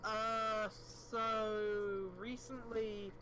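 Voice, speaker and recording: A man's voice: high-pitched, level tone, drawn-out words. A man co-hosting a casual podcast chat, rambling with lots of fillers and swearing. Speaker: podcast co-host. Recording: noisy amateur podcast audio.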